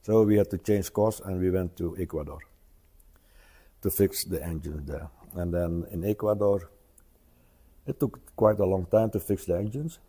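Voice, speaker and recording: A man in his seventies, an interview guest, speaking hesitantly with many pauses and tag questions. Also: low voice, mellow, breathy edge. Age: 70s. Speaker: interview guest, retired traveler. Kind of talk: casual conversational interview.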